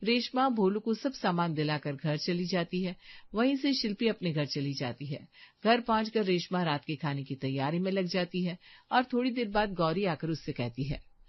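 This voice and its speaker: A woman's voice: on the low side, expressive, normal speed, muffled recording. A woman giving scripted storytelling narration for a cartoon story.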